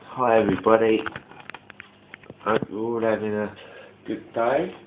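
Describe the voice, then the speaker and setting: A man giving a relaxed, hesitant guitar lesson with many ums, recorded on a mobile phone in low quality. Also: unhurried, noisy background. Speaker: guitar player teaching a song. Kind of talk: casual guitar tutorial. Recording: tinny, muffled, echoey phone recording with guitar.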